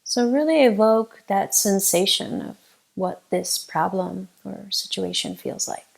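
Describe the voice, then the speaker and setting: A gravelly, medium-pitched woman's voice guides a meditation as the teacher. She gives her instructions gently and slowly, leaving long pauses.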